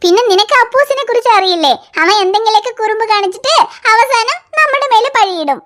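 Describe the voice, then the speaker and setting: A woman's voice: extremely high pitch, lively intonation, fast, a bit bright. A woman voicing a patient, teasing young mother in a cartoon, soothing and coaxing. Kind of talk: cartoon voice acting.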